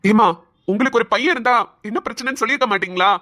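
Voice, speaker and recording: A woman's voice: on the high side, fast, sharp tone, pitched below the performer's own voice. A woman voicing a bold, caring young man in a cartoon who coaxes an older woman to share her troubles. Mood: coaxing. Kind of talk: cartoon voice acting.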